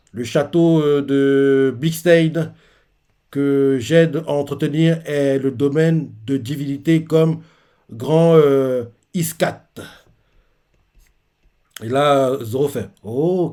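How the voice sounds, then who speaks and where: A man's voice: medium pitch, mellow. A man giving casual live commentary on a manga chapter, reading the characters' lines aloud with many hesitations and fillers. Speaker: manga reaction host.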